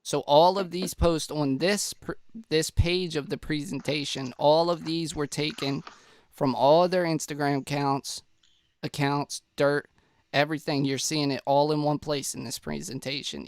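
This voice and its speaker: A man's voice: on the high side, clean tone, dry recording. Stuffy, chatty man narrating a presentation. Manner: chatty, addresses viewers as guys, restarts. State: stuffy, slightly out of breath. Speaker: true-crime video host. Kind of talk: casual presentation walkthrough.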